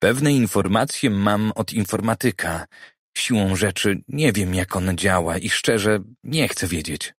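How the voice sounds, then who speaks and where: A man voicing a cautious, clever private detective who talks in a measured, persuasive way, in an audiobook. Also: lowish voice, animated, husky, dry recording, studio quality, full character voice.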